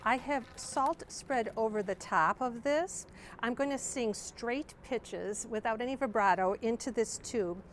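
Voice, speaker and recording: A woman choir director explains singing technique in a friendly, enthusiastic way. Her speaking voice sits on the higher side for a woman. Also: a little slow, a little hiss or hum. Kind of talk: vocal technique video lesson.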